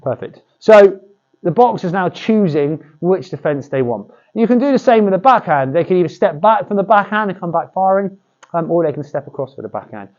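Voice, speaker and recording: Higher-voiced male boxing pad coach, dull audio. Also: expressive, fairly quick, darkish tone, a little hiss or hum. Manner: boxing pad coach calling short cues and encouragement. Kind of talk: hands-on pad work instruction, demonstrating drills.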